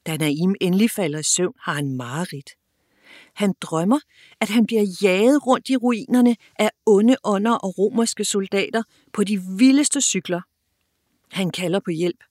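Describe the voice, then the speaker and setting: A woman narrating a children's audiobook in a clear, expressive storytelling manner. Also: mid-range voice, no echo, clean studio sound.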